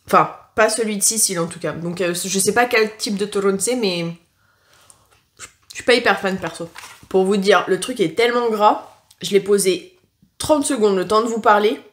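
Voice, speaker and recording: A woman giving a casual taste-test review to camera, talking frankly and often pausing on filler sounds and restarts. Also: medium pitch. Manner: chatty and frank, leaning on "franchement" and "concrètement"; hesitant, with frequent filler sounds and self-corrections. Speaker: food tasting vlogger.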